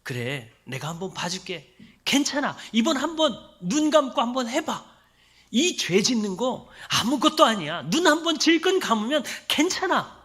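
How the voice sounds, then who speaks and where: A man's voice: extremely high pitch, big pitch swings, moderate pace, sharp tone, voice pushed up, heavily acted. A male preacher voicing Satan as a sly tempter who sweet-talks a believer into sin. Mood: coaxing. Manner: sweet-talking, wheedling.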